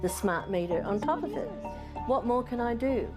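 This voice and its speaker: A woman's voice: on the high side, expressive, moderate pace. A woman in her sixties with an Australian accent, speaking plainly and with worry in an unscripted interview. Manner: worried, plain-spoken complaining. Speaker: retired nurse being interviewed. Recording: music under the voice.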